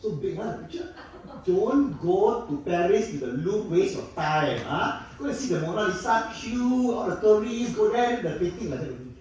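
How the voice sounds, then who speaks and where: A Singaporean man in his sixties jokes and banters with a theatre audience in a high, very animated voice. His voice bounces around a big echoey hall. The mic catches him from a distance, with faint room ambience behind. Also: normal speed, a little hiss or hum. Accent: Singaporean English. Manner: playful, teasing banter with the audience, bursts of laughter. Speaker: stand-up comedian. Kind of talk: live stand-up comedy. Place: theatre stage before a live audience.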